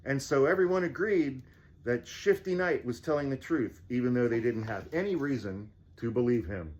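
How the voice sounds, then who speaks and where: A man reading a children's storybook aloud as fireside storytelling, theatrical and deliberate, with casual asides. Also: medium pitch, animated, darkish tone. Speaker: storybook reader.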